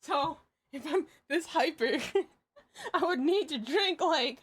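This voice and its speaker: A woman's voice: high voice, lively intonation, slow, a bit bright. A young woman chatting casually on a livestream in a hyper, giggly, scattered way, often repeating herself.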